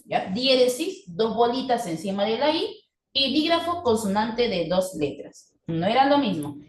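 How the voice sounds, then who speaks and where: A young woman teaches an online class in a fairly high voice. She explains patiently and checks in often with her students. Her voice is distant and echoes in the room. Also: sing-song, measured pace, slight background noise. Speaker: language teacher.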